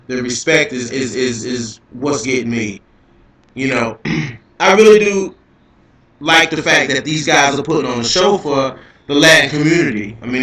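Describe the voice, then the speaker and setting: A man's voice: fairly high pitch, bright, forceful tone. A man talking casually on a live stream, his voice coming through with a clangy robotic glitch from his computer, loose and profane and repeating himself a lot. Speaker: livestream host. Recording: robotic, echoey, distant computer mic.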